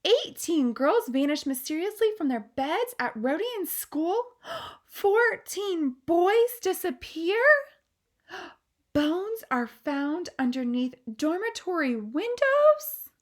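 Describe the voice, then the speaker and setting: Here a woman voices an elderly queen from a storybook, grand and quick to take fright, in a full character voice raised well above her own. The delivery is high-pitched, very animated, and unhurried. Her phrasing is posh and exclamatory, carrying a refined, alarmed mood.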